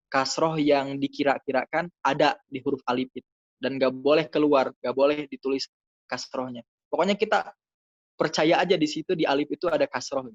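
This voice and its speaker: A man's voice: on the high side, no echo, muffled recording. Patient man teaching grammar. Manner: patient, casual, many fillers and "gitu ya". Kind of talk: explaining lesson answers.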